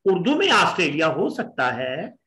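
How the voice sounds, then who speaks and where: A man's voice: a little high, sing-song, moderate pace, pushed and bright. A middle-aged man with a Pakistani accent teaching pronunciation, patiently repeating words to drill them. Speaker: English teacher. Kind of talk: pronunciation lesson. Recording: echoey room.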